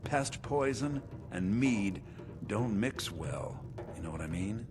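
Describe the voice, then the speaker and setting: A bitter, scheming man, a conspirator in a plot to poison mead, speaks in video game character dialogue. His voice is low, sly and expressive, and he takes it slowly in a scheming mood. Game music plays behind him.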